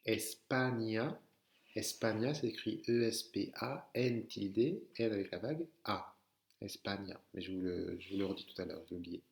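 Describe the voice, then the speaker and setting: A French man teaching Spanish pronunciation letter by letter, slowly repeating words for his students to say back. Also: fairly low pitch, echoey room. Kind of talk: online language lesson.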